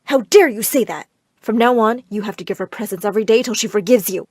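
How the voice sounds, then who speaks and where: A woman's voice: mid-range voice, quick pace, darkish tone, breathy edge, no room sound, clean studio sound, lightly acted. A woman voicing a middle-aged mother who dotes on her daughter and screeches bossy, melodramatic demands. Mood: shrill. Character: shrill doting overbearing mother, middle-aged.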